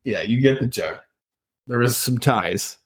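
A man's voice: mid-range voice, unhurried, breathy edge. A man co-hosting a book podcast, casually retelling scenes, reading quotes aloud and laughing often.

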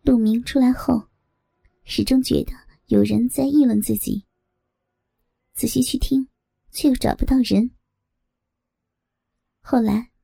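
A woman narrating an adult audio story in a steady, unhurried reading voice. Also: on the high side, vocal fry, breathy edge, no room sound, poor audio.

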